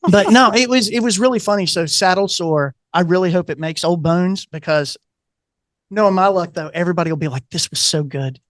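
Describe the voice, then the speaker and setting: Animated storytelling man, dry audio. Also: high-pitched, fairly quick, no room sound. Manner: animated anecdote-teller, acts out quoted voices. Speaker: guest author. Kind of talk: casual storytelling interview.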